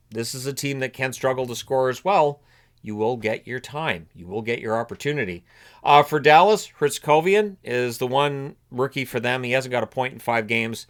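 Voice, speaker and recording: Hosting his hockey commentary channel solo while fighting a cold, a man thinks out loud casually, often restarting and using fillers. His voice is medium-pitched, a bit bright, and clean, with a slight sniffle.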